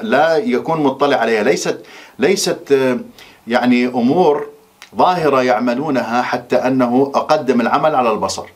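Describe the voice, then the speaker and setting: A man giving a Quran memorization lesson, slowing down and stressing key words when he quotes verses. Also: medium pitch. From Iraq. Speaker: Quran teacher. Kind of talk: recorded religious lesson.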